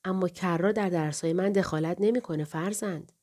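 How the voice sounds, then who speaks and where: A woman reading the part of a revered older male scholar in an audiobook, speaking softly and slowly with a kindly, grieving manner. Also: fairly low pitch, natural voice. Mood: wistful.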